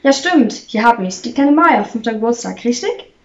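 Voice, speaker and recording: A woman's voice: fairly high pitch, lively intonation, moderate pace. A woman voicing a polite, businesslike male event organizer. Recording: slightly distant, muffled recording.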